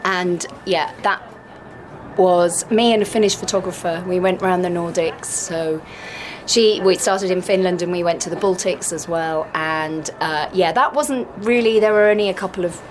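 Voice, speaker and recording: A woman's voice: on the low side, normal speed, a little hiss or hum. Chatty woman author in a sauna. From England. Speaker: author guest. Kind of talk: casual interview chat. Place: inside a sauna at an outdoor festival.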